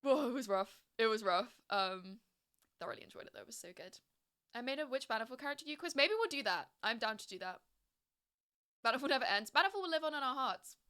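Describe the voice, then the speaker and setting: A woman's voice: fairly high pitch, animated, fast, a bit bright, smooth. A young woman streamer chatting casually and emotionally with her live chat, reading messages aloud and gushing. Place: home streaming setup with music playing.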